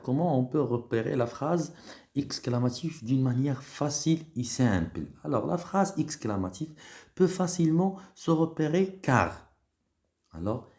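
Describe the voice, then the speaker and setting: A man's voice: mid-range voice, dark tone. A male schoolteacher giving a patient recorded grammar lesson to pupils, often repeating and restarting words as he explains.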